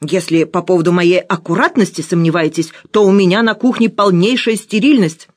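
A woman's voice: lowish voice, a little fast, close to an everyday voice. A woman reader voicing a tiny, fussy male cook who is servile and wildly melodramatic. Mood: anxious. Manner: obsequious, theatrical lamenting.

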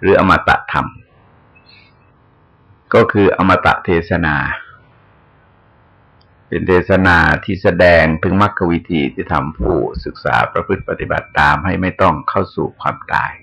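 An older man, a Buddhist monk, giving a sermon in a slow, measured way with pauses as he explains. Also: low voice, steady tone, vocal fry, pushed and bright, breathy edge.

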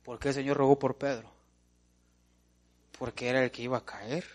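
Pastor, animated preaching that drops from loud to hushed, calling everyone brother. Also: male voice, mid-range voice, moderate pace. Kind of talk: sermon.

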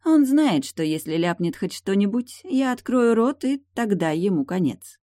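A woman's voice: mid-range voice, big pitch swings, moderate pace, dark tone, pitched above the performer's own voice, natural voice. A woman reading the part of a tough, menacing woman investigator in an audiobook, cold and clipped. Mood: curt.

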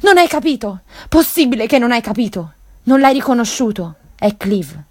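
A panicked male cowboy screaming out warnings in a strained, high pitch, voiced by a woman reading a western tale. The sound is dry and close, with no room around it. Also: very animated, moderate pace, no room sound. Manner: frantic high-pitched yelling. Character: terrified shouting male cowboy.

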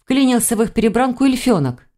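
A woman reading a first-person fantasy audiobook in a lively, expressive storytelling manner. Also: a little high, fast. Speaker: audiobook reader. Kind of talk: scripted first-person narration.

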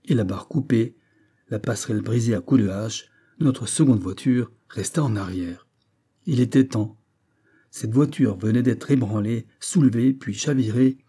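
A man narrating a classic adventure novel as an audiobook, in a steady, measured storytelling manner. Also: on the low side, breathy edge.

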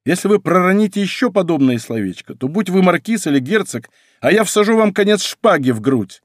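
A proud young Gascon musketeer, voiced by a man reading an audiobook, with a Gascon accent, raised and ringing, swinging lively up and down. He talks back brashly and defiantly, quick to threaten with his sword. The read sounds close and dry. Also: high-pitched, dry recording, pitched above the performer's own voice. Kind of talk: audiobook character voice.

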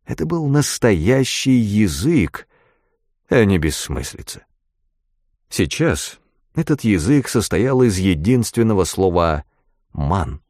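A man narrating an audiobook in an expressive literary style. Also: on the low side, no room sound, clean studio sound. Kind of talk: audiobook reading.

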